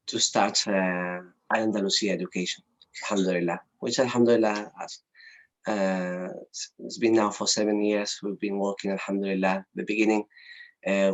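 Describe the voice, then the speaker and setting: Spanish-accented man in his thirties, low voice, halting speech over a video call. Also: poor audio. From Spain. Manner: halting, many fillers and restarts. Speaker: imam and madrasa founder. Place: small indoor room.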